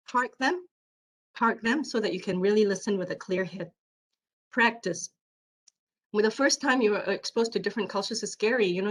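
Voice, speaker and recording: A woman giving a keynote presentation online, speaking loudly by habit and repeating her points for emphasis. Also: medium pitch, low-quality recording. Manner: animated, repeats herself for emphasis.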